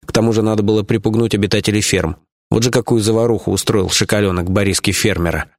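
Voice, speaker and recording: A man narrating an audiobook in a steady, even storytelling manner. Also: on the low side, fast. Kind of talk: scripted narration.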